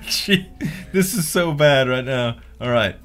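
A man's voice: fairly high pitch, animated, slow, fairly bright tone, faint music behind. A young man giving casual, exclamatory gameplay commentary as a let's-player, swearing freely. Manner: exclamatory, swearing, laughs readily. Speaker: let's play gamer.

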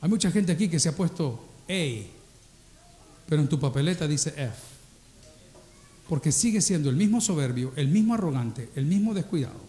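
Lively Salvadoran pastor preaching. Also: male voice, a little high, moderate pace, long pauses. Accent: Salvadoran Spanish. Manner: lively, humorous storytelling that acts out dialogues. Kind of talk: sermon.

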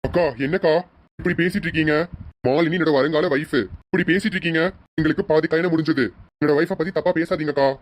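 A man's voice: fairly high pitch, fairly even intonation, quick pace, natural voice. A man playing a pleading younger brother in a serial parody skit.

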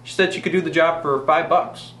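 A man's voice: on the high side, fairly even intonation, fairly bright tone. A man playing a frantic, exasperated rookie film director in a comedy sketch. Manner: frantic, exasperated, talks fast. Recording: echoey room from far off, faint noise.

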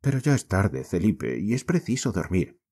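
A man with a Spain accent voicing a meek, sorrowful orphan girl in an audiobook, speaking softly and consolingly. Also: deep voice, big pitch swings, moderate pace, husky, full character voice. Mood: tender, pleading. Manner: soft, gentle and consoling. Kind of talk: audiobook character reading.

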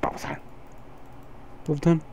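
A man's voice: normal speed, a little mellow, a little hiss or hum. A man commentating his own gameplay, keeping his voice down late at night and sounding sleepy. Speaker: gaming video host.

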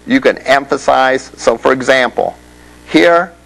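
Gravelly male instructor lecturing a class. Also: mid-range voice, unhurried, fairly bright tone, poor audio. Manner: conversational, checks in with the class often. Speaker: web development instructor.

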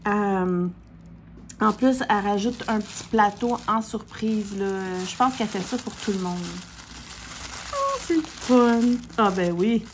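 A woman with a Québécois French accent gushes excitedly while unboxing crafting pens, breaking into gasps and squeals. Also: mid-range voice, measured pace, slight background noise. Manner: gushing, with gasps, squeals and repeated exclamations. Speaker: diamond painting vlogger.

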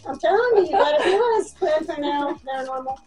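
A woman's voice: high-pitched, expressive, a little fast, a little mellow. A middle-aged woman chatting casually and exclaiming as she reacts to eating sour candy. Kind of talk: casual chat in a challenge video. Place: dining room at home. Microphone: camera across the table.

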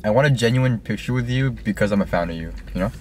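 A man's voice: on the low side, fast, recorded from a distance, slight background noise. A young man in a car trading crude, teasing jokes with his sister. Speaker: vlogger's brother. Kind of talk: casual banter.

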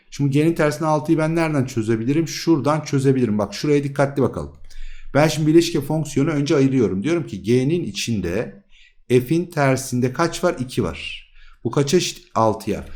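A man at a mid pitch teaching math in an easygoing, talkative way. He walks through each step with quick rhetorical questions and little jokes. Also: darkish tone. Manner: chatty, jokey, asks the students rhetorical questions. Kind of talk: casual problem-solving lesson.

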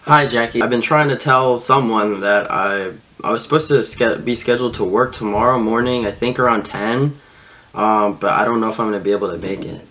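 A man's voice: fairly low pitch, a little fast, a bit bright. Casual young man, slangy delivery. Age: young adult. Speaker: prank caller and video host. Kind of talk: casual, slangy chat and prank phone calls. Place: small room indoors, plain wall.

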